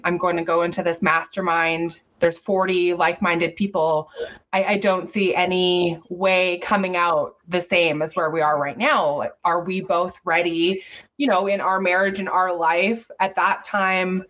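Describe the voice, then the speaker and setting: Casting: Canadian woman podcast co-host, casual and rambling, mid-pitched, slightly dull audio. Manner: relaxed, rambling storytelling.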